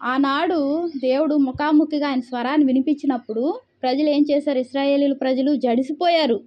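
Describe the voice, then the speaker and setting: A woman's voice: sits high, fairly even intonation, a little fast. Woman reading scripture then preaching on it, asks questions and answers them herself, kinda muffled recording. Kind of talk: Bible reading and sermon.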